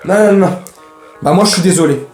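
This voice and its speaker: A man's voice: sits high, a little fast, a little mellow, echoey room, faint music behind. A man hosting a casual football fan vlog, ranting in slangy, rambling speech. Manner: slangy, heated, rambling with restarts.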